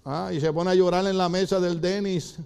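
Preaching in church, this older Puerto Rican man speaks at a normal speed in a high-pitched, smooth voice with vocal fry. His sermon is full of funny stories, and he performs the different voices with animation.

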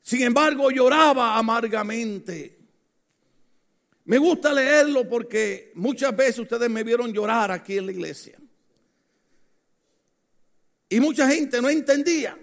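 A man's sermon from a church pulpit. His voice sits high for a man, and it climbs in fervor as he quotes scripture and presses his point. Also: animated, moderate pace, vocal fry. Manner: preaching with rising fervor, quoting scripture. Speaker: pastor.

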